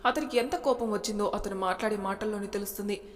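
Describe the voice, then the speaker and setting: A woman storyteller reading a romance in a plain, even way. Her voice sits at an ordinary middle pitch. A long reverb trails behind it. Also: fast talker. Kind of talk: story narration.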